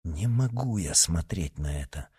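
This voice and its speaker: A man voicing a hot-tempered young musketeer who bursts out loudly and scornfully. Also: low-pitched, animated, measured pace, slightly rough, pitched below the performer's own voice, heavily acted. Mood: disgusted. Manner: loud, scornful outbursts.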